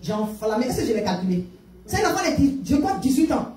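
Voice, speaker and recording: A woman preacher from Africa with an African French accent tells a story in sermon form, dropping English phrases into her French. Her voice is fairly high and mellow. She sounds distant from the mic, in an echoey church room with faint noise behind her. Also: fast. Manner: animated storytelling, switching between French and English. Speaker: prophetess preaching. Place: church sanctuary.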